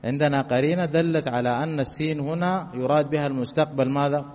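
A man's voice: on the high side, steady tone, fast, darkish tone, big-room sound, lo-fi sound. A man teaching a grammar lesson, who puts questions to his class and answers them himself while repeating the key points.

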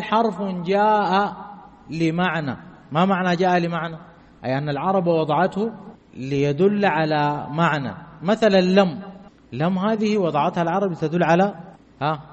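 Guy teaching grammar, kinda high voice, repeats stuff and asks the class questions, dull muffled sound, long hall echo. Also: a little mellow. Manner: repeats key terms and quizzes listeners with short questions.

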